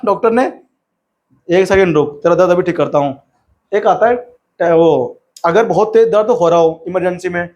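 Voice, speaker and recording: Young male science teacher, high-pitched, casual and chatty, tells funny anecdotes and reads English textbook lines slowly. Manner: chatty, tells funny anecdotes, asks and answers his own questions. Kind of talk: casual classroom lecture.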